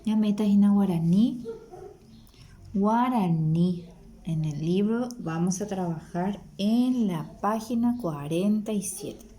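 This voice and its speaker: A woman teaching a Guaraní lesson, saying each word slowly and repeating it syllable by syllable. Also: medium pitch, dark tone. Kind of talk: slow, deliberate language lesson.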